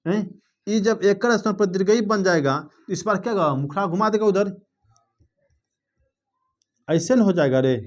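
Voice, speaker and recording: A young man giving an informal blackboard grammar lesson, constantly checking in with his students. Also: high voice. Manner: informal, addresses students directly with quick check-ins. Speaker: teacher.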